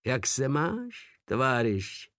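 Brief: man voicing a coarse, jeering giant soldier, pitched well above his own voice, loud. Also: sing-song, no room sound, clean studio sound. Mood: mocking. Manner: coarse, mocking, swearing. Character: huge crude male soldier, cheerfully brutal.

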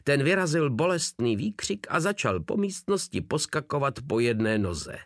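A male narrator reads an audiobook with vivid, lively storytelling and a voice that moves up and down freely. The sound is dry and close. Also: medium pitch, no echo.

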